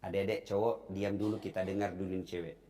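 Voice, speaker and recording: A man's voice: sits low, quick pace, a little hiss or hum. A man giving a humorous sermon to young people, joking and acting out little scenes for the audience. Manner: lively, joking, acts out phone calls. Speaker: preacher.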